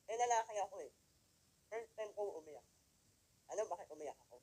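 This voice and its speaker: A man from the Philippines with a high-pitched voice tells his story to a live audience in an emotional testimony. He speaks straight to the crowd with pointed rhetorical questions. He jumps from loud, emphatic lines to quiet, hushed ones. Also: expressive, a little fast, husky, rough recording. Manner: swings between loud emphatic lines and quiet near-whispers. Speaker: motivational speaker at a company event.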